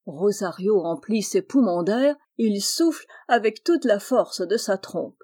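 Woman reading a children's fairy tale, mellow tone, lilting gentle delivery. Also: mid-range voice, expressive, a little slow. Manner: gentle, lilting, lifts into voices for the animals. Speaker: audiobook reader. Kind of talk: storybook narration for children.

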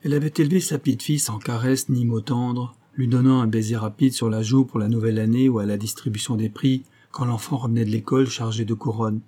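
A man narrating a novel as an audiobook in a measured, even storytelling manner. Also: medium pitch, husky.

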